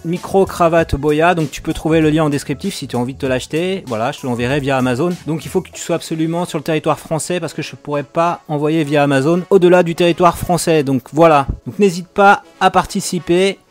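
Man, tutorial host, casual and chatty, slightly high voice, faint music underneath. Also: fairly quick, hardly any pauses. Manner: chatty, addresses viewer directly, some hesitations. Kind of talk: casual tutorial talking to the viewer.

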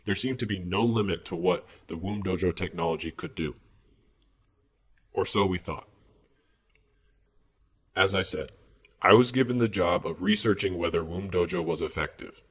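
A man's voice: sits low, breathy edge. A man playing a grave, fearful research whistleblower in a scripted sci-fi monologue, his voice disguised with fuzzy distortion. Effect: distorted voice disguise with fuzz. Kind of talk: scripted science fiction monologue.

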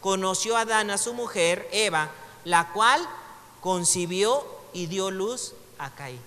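A man with a Mexican Spanish accent teaches a casual Bible class, chatting conversationally, cracking jokes on the side, and reading passages aloud. His high voice is animated, slow, bright, and forceful, with long hall reverb on the recording.

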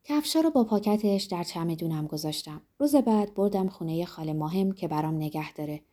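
Female story narrator, calm and subdued, mellow tone. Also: lowish voice. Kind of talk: storytelling reading.

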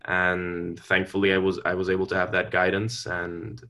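Here the young Venezuelan student speaks with a deep voice, a completely flat delivery and a sharp tone at normal speed. It is a conversational interview, and he answers politely and earnestly in long, careful sentences with minor restarts.

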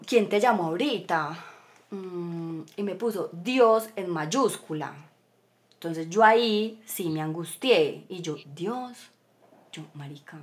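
A young woman telling a personal story as a podcast guest, earnest, moving between animated and hushed. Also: mid-range voice.

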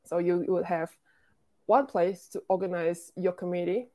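Woman founder chatting on a video call, warm mellow tone, keeps saying like and restarting. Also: on the low side, fairly even intonation, normal speed. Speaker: guest, self-taught programmer and founder. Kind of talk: casual interview chat.

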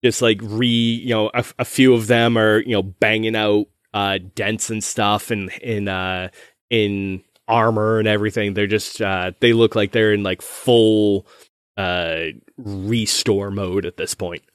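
A man's voice: lowish voice, fairly even intonation, measured pace, clean tone, no echo, clean studio sound. A man narrating a tabletop game as game master, in a casual, rambling way with many restarts.

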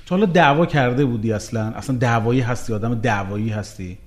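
A male interviewer of medium pitch asks question after question in a persistent, searching way. He often repeats the other person's answers back before pressing further. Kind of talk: probing interview.

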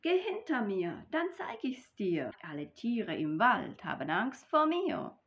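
Woman doing a cocky little mouse, storybook read-aloud, slow and lively. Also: mid-range voice. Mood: bold. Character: small clever mouse. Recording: dull lo-fi recording.

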